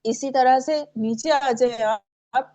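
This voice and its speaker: Woman, tajweed teacher, patient, higher mellow voice, muffled lo-fi sound. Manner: patient, recites verses slowly, checks in often with "theek hai". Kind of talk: online class lecture, reciting and explaining.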